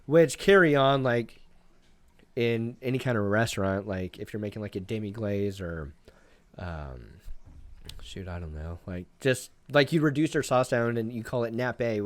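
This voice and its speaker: A young man, a private chef, chatting casually on a podcast in a relaxed, rambling way full of fillers. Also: lowish voice, moderate pace, no room sound. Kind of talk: casual interview chat.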